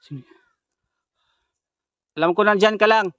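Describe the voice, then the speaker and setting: A man filming a ghost-hunting vlog outdoors at night on a handheld camera, whispering tense commentary to viewers and now and then shouting at something unseen. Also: high voice, normal speed. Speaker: ghost hunter vlogger.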